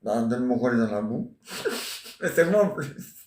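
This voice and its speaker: A man's voice: medium pitch, expressive, a little slow, darkish tone, far from the mic. A man in his forties rambling and joking in casual chat, teasing banter. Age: 40s. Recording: echoey room.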